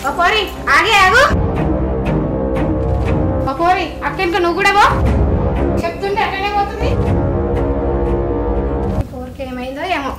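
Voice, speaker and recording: A woman's voice: very high-pitched, measured pace, pauses often. A woman playing a defensive Telangana village mother. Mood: quarrelsome. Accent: Telangana Telugu. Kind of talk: village family drama acting. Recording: echoey room with background music.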